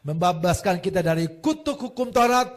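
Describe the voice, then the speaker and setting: High-voiced preacher swinging loud to soft. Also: male voice, normal speed. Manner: lively storytelling with jokes and acted quotes; wide swings between loud emphasis and soft asides. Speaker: pastor. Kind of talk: sermon.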